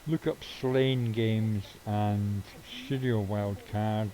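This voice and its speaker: Middle-aged streamer, mellow tone, rambling and offhand, swears casually. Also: male voice, fairly low pitch, fairly even intonation, very slow, rough recording. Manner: rambling, swears casually, chuckles at own jokes. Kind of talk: casual live-stream chat while gaming.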